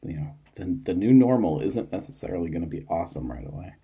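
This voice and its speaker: A tired man with a low, dark voice hosts a podcast alone in a small studio. He talks in a rambling, easygoing way, full of ums and restarts. His voice has a slightly husky edge. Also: big pitch swings, fast, highs cut off. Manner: rambling, with many fillers and restarts. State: tired, yawning. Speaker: podcast host. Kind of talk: casual solo chat.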